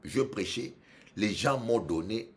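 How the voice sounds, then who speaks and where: A male pastor delivers a sermon with lively, swooping pitch. He talks at an unhurried, deliberate pace, repeating phrases, dropping to murmurs and then rising into shouts. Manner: animated preaching, swings from low murmurs to shouts, repeats phrases.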